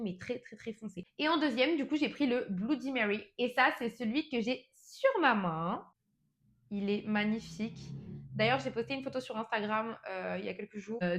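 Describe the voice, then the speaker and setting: A young French woman chatting casually through an unboxing, enthusiastic and full of fillers, as a nail product vlogger. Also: on the high side.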